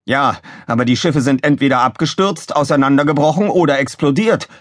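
A man voicing a fussy, alarmed male chief engineer who snaps and shouts in a storybook. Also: medium pitch, a little fast, no room sound, clean studio sound, voice pushed up, lightly acted. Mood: snappish. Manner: snappish, panicky shouting.

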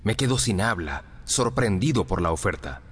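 A man reading a first-person audiobook story in an expressive storytelling manner. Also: on the low side, normal speed, breathy edge. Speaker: audiobook narrator. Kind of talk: scripted first-person narration. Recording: long reverb on the voice.

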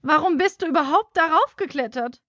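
A woman's voice: fairly high pitch, animated, normal speed, dry recording, studio quality, voice pushed up, lightly acted. A woman voicing a flustered, anxious female schoolteacher in a children's audiobook. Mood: alarmed. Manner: fussing, alarmed.

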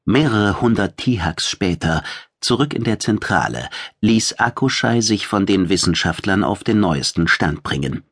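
A man doing scripted narration of a science fiction audiobook in a measured, deliberate way. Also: fairly low pitch, expressive, fairly bright tone, husky, no room sound, clean studio sound.

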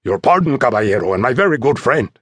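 A man voicing a boastful, loud and hearty soldier sergeant in an audiobook, blustering and full of exclamations. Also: medium pitch, very animated, fast, slightly rough, no echo. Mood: alarmed, flattering. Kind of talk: audiobook character voice.

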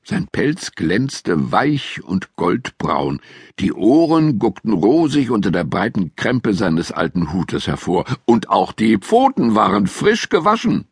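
A man narrating a children's audiobook in a measured, expressive storytelling manner. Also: low voice, gravelly, husky, no room sound, studio quality.

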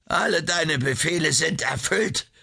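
A man voicing a desperate woman sorceress in an audiobook, shrill and breathless. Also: unhurried, creaky, pushed and bright, exaggerated voice.

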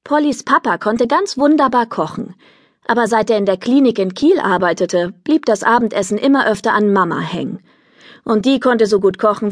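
Female narrator, lively kids' audiobook read, dry booth sound. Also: mid-range voice, dry recording. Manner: lively, expressive storytelling. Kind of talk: scripted narration of a children's book.

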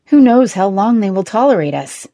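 A man's voice: a little high, animated, unhurried, warm tone, no echo, studio quality. A woman voicing a fretful, grumbling man. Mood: worried. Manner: nervous, complaining. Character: anxious fussy man, grumbling and haughty.

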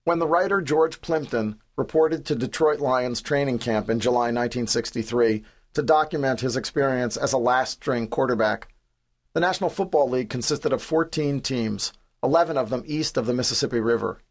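A man in his forties from the New York City area reads his own memoir in a studio, with a mid-pitched voice. His delivery is wry and understated, poking fun at himself. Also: moderate pace. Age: 40s. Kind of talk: scripted audiobook narration.

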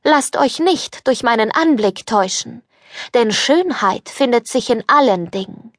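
A woman's voice: fairly high pitch, lively intonation, measured pace, no echo, clean studio sound. A woman reading an audiobook, voicing an old beggar woman who turns into a stern fairy, speaking solemnly. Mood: pleading.

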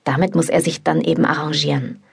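A woman reading an audiobook, voicing a relaxed, confident young man who shares a flat and casually gives orders. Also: sits low, a little fast, gravelly, breathy edge, exaggerated voice. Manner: easygoing, bossy. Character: young man, laid-back, confident flatmate and lover. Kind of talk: audiobook dialogue.

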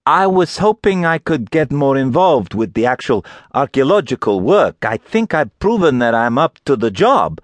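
A man's voice: medium pitch, sing-song, moderate pace, few pauses, no echo, pitched above the performer's own voice, natural voice. A man voicing a young female archaeology student. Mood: pleading. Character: young woman, frustrated junior archaeology student.

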